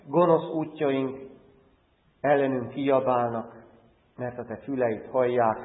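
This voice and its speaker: A man pastor preaching and leading a prayer in a church, in an earnest, rhythmic preaching cadence. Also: medium pitch. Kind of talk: sermon and spoken prayer. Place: church hall. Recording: tinny phone-like sound with long church reverb.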